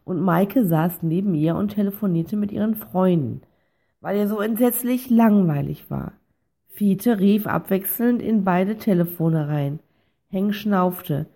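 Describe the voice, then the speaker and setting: Female storybook narrator, warm dark tone, gentle delivery. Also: mid-range voice, unhurried. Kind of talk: reading a children's story aloud.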